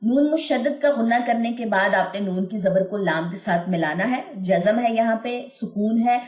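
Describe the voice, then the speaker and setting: A woman teaching recitation rules who explains each point, then stretches the syllables out slowly to model them. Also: medium pitch, a little mellow. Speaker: Quran tajweed teacher. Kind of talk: recorded online lesson. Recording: roomy echo.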